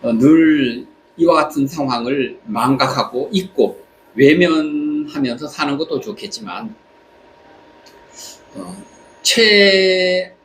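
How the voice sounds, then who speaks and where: A man from South Korea speaking a reflective personal monologue, haltingly, pausing between short phrases. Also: mid-range voice, low-quality recording. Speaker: vlogger. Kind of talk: reflective spoken monologue while travelling. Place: on holiday in Southeast Asia. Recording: clear background ambient noise.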